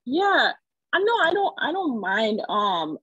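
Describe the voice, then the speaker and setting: Reflective woman, husky voice. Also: on the high side, very animated, slow, a bit bright, no room sound, lo-fi sound. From Trinidad. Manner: hesitant, reflective, many fillers. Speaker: call participant. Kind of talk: personal storytelling on a group call. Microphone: video call.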